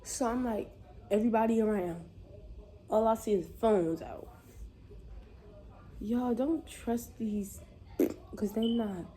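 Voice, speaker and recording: A young woman tells a casual storytime to her viewers, animated and slangy. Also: on the high side, takes it slowly, long pauses. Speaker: vlogger.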